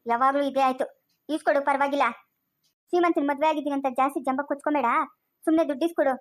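A woman's voice: high voice, fairly even intonation, quick pace, close to an everyday voice. A woman playing a greedy, resentful sister-in-law in a homemade family drama, nagging and demanding.

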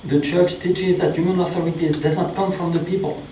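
Slow, mellow priest with a French accent. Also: male voice, a little high, fairly even intonation, slight background noise. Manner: slow, measured reading. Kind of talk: sermon read from notes. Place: small chapel. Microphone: stand mic. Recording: echoey chapel, mic at a distance.

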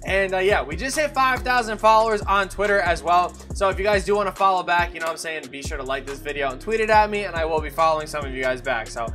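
A man's voice: high-pitched, quick pace, few pauses, bright, forceful tone, soft background music. A young man talking casually through a video game tutorial for his channel, chatty and full of fillers and self-corrections. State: has the hiccups. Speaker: gaming YouTuber. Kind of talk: casual gameplay tutorial commentary.

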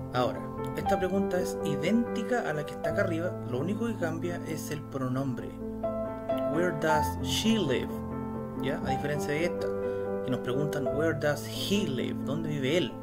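A male teacher speaks in a voice-over for a slide lesson, patient and methodical, checking in with his students after each point. He slows right down to spell out each English phrase. Loud music plays underneath him the whole time. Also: a little high. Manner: patient, explains step by step, checks in with "¿ya?" and "¿cierto?"; reads English phrases slowly and carefully.

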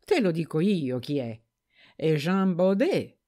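A stubborn farm master, quick to anger, who hammers his servant girl with one insistent question after another, as a woman reader puts him on. The voice swings up and down as he badgers her in this storybook reading, though it stays close to the reader's own low tone. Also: big pitch swings, mellow, exaggerated voice. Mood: angry, badgering. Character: gruff, stubborn, angry farm master, a middle-aged man.

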